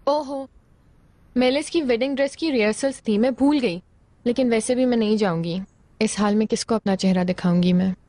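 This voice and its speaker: A woman's voice: fairly high pitch, normal speed, mellow, dry recording, close to an everyday voice. A woman dubbing a shaken, unsure young woman in a TV drama, speaking hesitantly. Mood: anxious. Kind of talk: dubbed TV drama. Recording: music under the dialogue.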